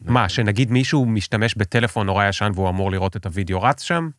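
A man's voice: fairly low pitch, no echo, studio quality. A man with an Israeli accent hosting a casual chat, asking informal questions and repeating words for emphasis. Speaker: podcast host, interviewer.

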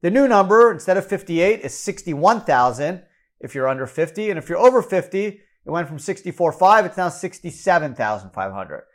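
A man with a Canadian accent explaining retirement contribution limits, brisk and number-heavy, correcting himself as he goes. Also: high-pitched, sing-song. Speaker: financial educator. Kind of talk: explanatory talk.

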